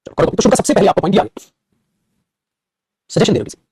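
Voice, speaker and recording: Male grammar teacher: high, rapid-fire, husky, scolding but warm-toned address to students. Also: no echo, studio quality. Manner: animated, calls students 'beta', scolds and coaxes. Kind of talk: online class lecture.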